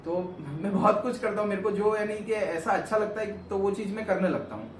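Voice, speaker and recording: Here the Gujarati vlogger, a young man from India, fields questions about his life in a relaxed interview-style chat, sounding earnest and rambling and often fixing what he just said. His voice is high and his pace fairly quick, picked up from a distance in a noisy, echoey room.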